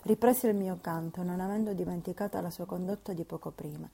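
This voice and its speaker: Husky woman narrating a classic novel. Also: fairly low pitch, fairly even intonation, fast, dark tone. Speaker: audiobook narrator. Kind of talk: scripted literary narration.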